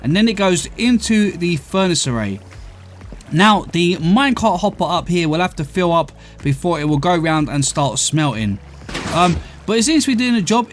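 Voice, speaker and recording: A man with a slight lisp, chatting casually to viewers as host of a game let's play. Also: on the high side. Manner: chatty, keeps addressing viewers as guys. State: slight lisp from a tongue ulcer.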